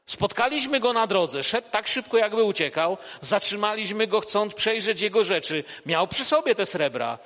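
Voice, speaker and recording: Man reading as a brisk gendarme sergeant, a bit higher and louder, roomy echo. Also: lively intonation. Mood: reporting. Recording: echoey hall reverb.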